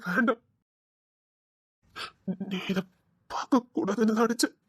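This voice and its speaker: A woman's voice: on the high side, a little slow, husky, dry recording, clean studio sound. A woman voicing a remorseful young husband who pleads with his wife, in a Tirunelveli Tamil accent, often whispering apologies. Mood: pleading.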